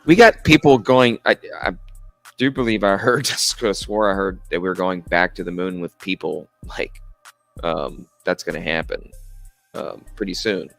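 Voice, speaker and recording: Deep gravelly man on a dry mic. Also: steady tone, unhurried, a bit bright, dry recording, soft background music. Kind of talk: casual group chat.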